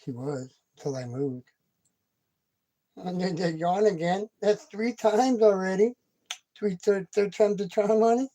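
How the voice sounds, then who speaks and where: A woman talks at an unhurried, easy pace in a soft, mellow voice. She hosts a casual livestream from home and keeps cooing baby talk to her pet cat between asides to her viewers. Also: mid-range voice, low-quality recording. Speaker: livestream host.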